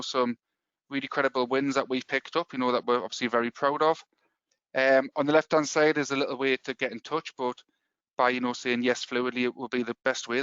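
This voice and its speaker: A man with a Geordie accent rattles through a software pitch at a rapid clip, full of "you know" and "obviously". His voice is smooth and clear, but the sound is dry and a bit dull. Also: no room sound. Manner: fast, filler-heavy sales talk. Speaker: software company presenter. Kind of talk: webinar product pitch.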